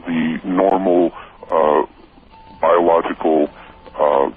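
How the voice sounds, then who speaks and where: Anonymous guy w a deep pitch-shifted voice changer, lots of uhs and restarts, calling in on a phone line. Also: steady tone, soft background music. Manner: halting, many fillers and restarts. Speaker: anonymous guest. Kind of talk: radio interview by phone. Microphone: telephone. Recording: tinny phone line with hiss.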